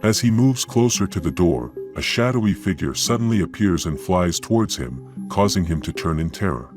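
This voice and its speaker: Male narrator, very low voice, sensational tabloid TV host delivery for scary clip compilation, music underneath. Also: expressive, normal speed, a little mellow. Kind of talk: scripted narration, ominous true-crime clip show.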